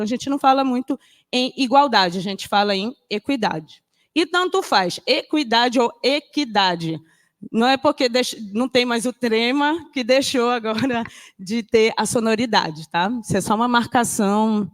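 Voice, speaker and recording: Woman lecturing, a bit high-pitched. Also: no room sound, clean studio sound. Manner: conversational, checks understanding with frequent tag questions. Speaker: professor giving a lecture. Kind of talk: explanatory classroom lecture.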